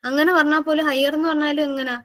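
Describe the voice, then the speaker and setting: A woman's voice: high-pitched, level tone, quick pace, a bit bright. A woman with a Malayali accent teaching an exam-prep lesson, explaining patiently, repeating words and putting questions to her students. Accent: Malayali English.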